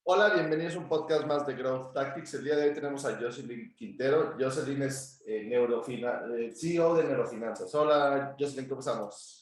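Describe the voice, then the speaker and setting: A man's voice: medium pitch, brisk, few pauses. A man hosting a podcast interview, asking questions casually with some hesitations. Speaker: podcast host. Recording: very echoey room.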